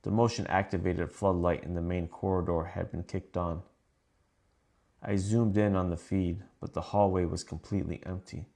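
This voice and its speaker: Deep gravelly man narrating horror. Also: little pitch movement, normal speed, mellow. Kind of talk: scripted first-person horror narration.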